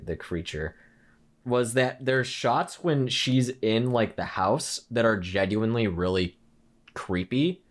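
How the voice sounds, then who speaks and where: Low-voiced young man rambling casually. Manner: rambling, lots of filler words. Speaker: podcast co-host. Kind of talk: casual movie review chat.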